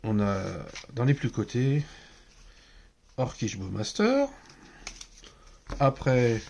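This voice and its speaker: A man's voice: mid-range voice, very animated, slow, darkish tone, a little hiss or hum. A man with a French accent casually commenting while opening card packs, mumbling card names aloud as he goes. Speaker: card collector opening boosters.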